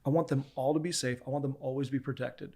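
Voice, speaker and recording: Earnest pastor, man in his forties, gravelly voice, podcast guest telling family stories. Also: medium pitch, steady tone, fast talker. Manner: earnest storyteller, frequent restarts and soft asides. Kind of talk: casual interview chat.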